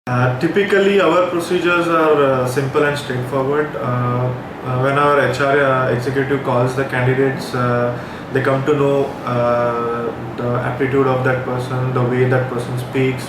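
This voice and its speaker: A man with a Marathi Indian accent answers interview questions in a halting, explanatory way. His intonation stays quite flat. He sounds distant in a very reverberant room, with clear noise behind him. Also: medium pitch. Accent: Marathi-accented Indian English. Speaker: company interviewee, tech employer. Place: echoey indoor room. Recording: very echoey room, distant mic, background noise.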